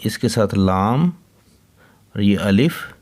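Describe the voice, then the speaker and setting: Teaching children to read, an Urdu teacher spells every word letter by letter and repeats it twice. His lowish, darkish voice moves at a very slow, deliberate pace with lively intonation.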